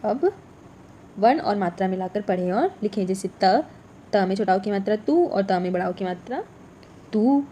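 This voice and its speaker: Clear, patient woman teaching small children. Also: medium pitch, expressive, mellow, slight background noise. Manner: slow, clear, repeats each letter and word. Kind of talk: workbook lesson for young children.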